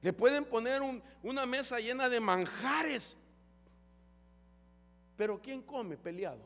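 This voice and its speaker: High-voiced fervent male preacher. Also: animated, takes it slowly, a bit bright, soft background music. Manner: fervent preaching, keeps calling the listeners brother. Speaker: pastor. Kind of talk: sermon. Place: church hall. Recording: long church hall reverb.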